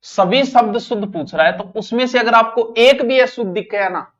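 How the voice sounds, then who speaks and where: Lively Rajasthani man teaching grammar. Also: extremely high pitch, moderate pace. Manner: lively, swings between loud and soft, addresses students directly. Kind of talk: exam-prep grammar lesson. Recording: dull lo-fi online class audio.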